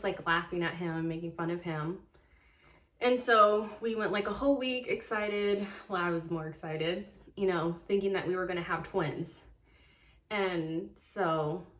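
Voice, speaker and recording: A woman's voice: mid-range voice, a bit bright. A young woman casually telling a personal story, chatty and full of filler words. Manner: chatty, heavy use of "like" and "um". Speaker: vlogger. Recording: echoey room.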